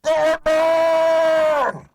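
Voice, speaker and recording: A man's voice: extremely high pitch, monotone, drawn-out words, dry recording, exaggerated voice. An actor playing a ferocious mutant crocodile man in an audio drama, menacing and full of threats, on a noisy recording. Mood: enraged.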